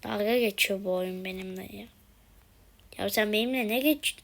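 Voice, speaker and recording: A woman's voice: mid-range voice, moderate pace, creaky, noisy background. A woman commentating her own mobile game, exasperated, exclaiming and pleading at the screen. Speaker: gaming video host.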